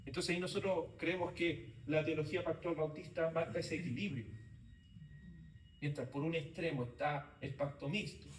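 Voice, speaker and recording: Male Bible teacher, slightly high voice, lectures in short repeated phrases, recorded from across an echoey room. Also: fairly even intonation, normal speed, distant mic. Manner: speaks in short phrases, repeats key points, asks the class to confirm. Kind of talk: theology class lecture. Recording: roomy echo, voice from off-mic, faint background noise.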